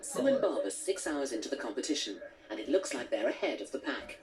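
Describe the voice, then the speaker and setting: A woman's voice: extremely low pitch, big pitch swings, fairly quick, a little mellow, distant mic, slight background noise. A woman narrating a documentary in a scripted storytelling delivery.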